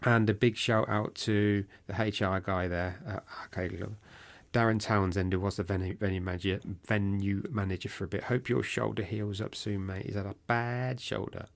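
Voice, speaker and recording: A British podcast co-host chats casually in a lowish, slightly worn voice with vocal fry. He rambles at a moderate pace with fairly flat intonation, restarting his sentences often and barely pausing.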